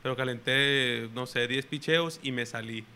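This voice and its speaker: A young man with a Mexican Spanish accent, a pitcher telling a story in relaxed, slangy chat. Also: normal speed, smooth. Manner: relaxed, slangy, retells his own and coaches' words. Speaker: guest baseball pitcher.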